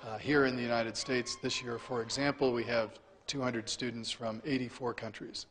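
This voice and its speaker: A man as a college administrator in a documentary interview, measured and explanatory with frequent fillers. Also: mid-range voice, little pitch movement, a bit bright, slight background noise.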